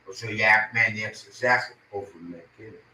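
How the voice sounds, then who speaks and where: A man's voice: fairly low pitch, normal speed, sharp tone. Agitated man ranting in a roomy space. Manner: agitated, ranting, repeats himself. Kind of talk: angry monologue to camera. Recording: roomy, distant from the mic, faint noise.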